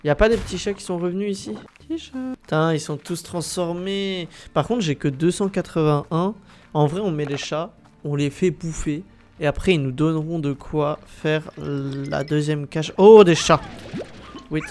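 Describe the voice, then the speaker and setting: A man's voice: on the high side, normal speed, a little mellow. A man with a blocked, nasal-sounding nose, giving casual, slangy, sweary gameplay commentary to his viewers. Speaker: gaming video host. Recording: background noise behind voice.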